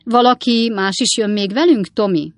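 Casting: a woman doing a busybody gossip, high-pitched, loud, wheedling, storybook reading. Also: no echo, close to an everyday voice. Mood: coaxing. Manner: coaxing, exclaiming, high and loud. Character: nosy, fussy little gossiping woman.

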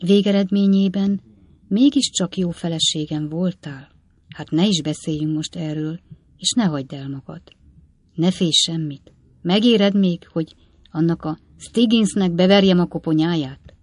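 A woman putting on a gruff old widower. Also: fairly low pitch, darkish tone, dry recording, natural voice. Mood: mournful. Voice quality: blunt, gruff. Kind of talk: audiobook reading.

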